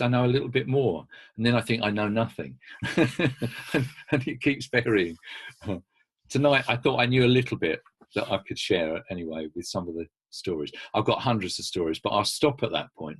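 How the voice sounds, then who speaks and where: Husky man, mid pitch, casual anecdotal speaker on a video call who restarts his sentences often. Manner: conversational, anecdotal, with frequent restarts. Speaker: speaker working with children. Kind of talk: informal talk with stories.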